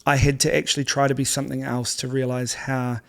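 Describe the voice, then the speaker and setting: A man's voice: medium pitch, level tone, fast, gravelly. A man hosting a podcast interview, easygoing and supportive, laughing often. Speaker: podcast host. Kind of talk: casual interview chat.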